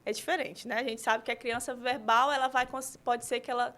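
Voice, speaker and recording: Uma mulher convidada, pedagoga e terapeuta, explicando com exemplos numa conversa de podcast e pontuando as frases com "né?". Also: female voice, on the high side, fairly even intonation, brisk, fairly bright tone. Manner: explains with examples, frequent "né?". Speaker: guest, pedagogue and therapist.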